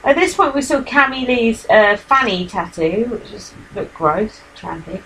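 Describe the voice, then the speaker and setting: A woman's voice: medium pitch, unhurried, fairly bright tone, a little hiss or hum, rough recording. A woman co-hosting a casual podcast from home, recapping with plenty of swearing and laughter. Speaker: podcast co-host. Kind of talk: casual chat. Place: home, with a cat.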